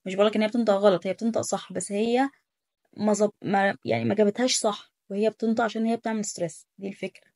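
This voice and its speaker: A woman's voice: medium pitch, fairly even intonation, very fast, a little mellow. An Egyptian Arabic-speaking woman teaching German pronunciation in a casual tutorial, correcting and repeating sounds with emphasis.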